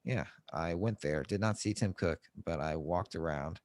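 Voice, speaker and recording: A man co-hosting a podcast in casual joking chat, swearing often and breaking into loud mock outbursts. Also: deep voice, normal speed, dry recording, studio quality. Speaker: podcast co-host.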